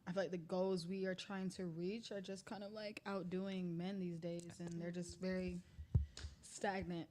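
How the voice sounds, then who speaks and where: A young woman in her twenties with a lower voice chats casually on a podcast. She hesitates often and fills gaps with ums and likes, with a faint noise behind her. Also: flat delivery, normal speed. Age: 20s. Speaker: podcast guest.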